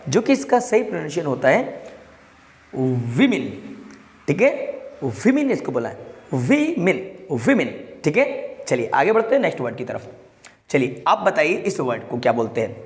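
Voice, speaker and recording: A man teaching English pronunciation to viewers, emphatic and repetitive, drawing each word out slowly and urging everyone to say it with him. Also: on the high side, big pitch swings. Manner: addresses viewers as guys, coaxing them to repeat. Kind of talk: classroom-style pronunciation lesson. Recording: echoey room with long reverb.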